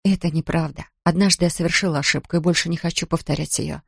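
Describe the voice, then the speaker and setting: A woman's voice: low voice, fairly even intonation, fast talker, gravelly, slightly rough, no echo, studio quality, full character voice. A reader doing a weary, pleading mother. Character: tired anxious mother who is a doctor.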